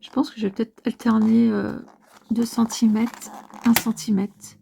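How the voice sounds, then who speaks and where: A woman's voice: a little high, level tone, normal speed, vocal fry, warm tone, slight background noise. A woman, casually narrating her journaling craft work step by step, musing and hesitant with many filler sounds. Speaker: crafting vlogger.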